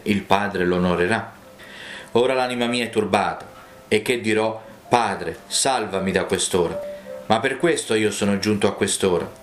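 A man reading the words of Jesus as a calm, earnest adult male teacher. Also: on the low side, natural voice. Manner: solemn, earnest. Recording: roomy, with faint music.

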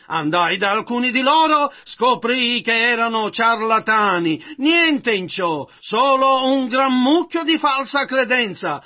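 A man interpreting a sermon in measured phrases that echo the preacher. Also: very high voice, sharp tone.

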